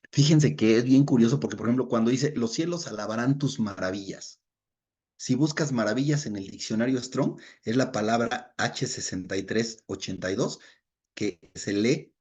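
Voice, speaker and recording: A man teaching a Bible study, reading verses aloud and explaining them, who often checks in with his listeners and fills pauses with short murmurs. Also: lowish voice, darkish tone, breathy edge.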